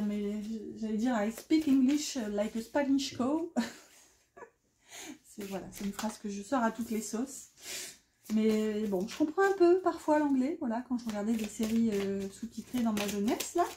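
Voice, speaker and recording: A woman reads tarot cards in a casual, chatty way, full of fillers and self-mocking asides. Her voice sits a little high and sounds soft and mellow. The room around her is echoey. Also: slight background noise. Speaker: tarot reader.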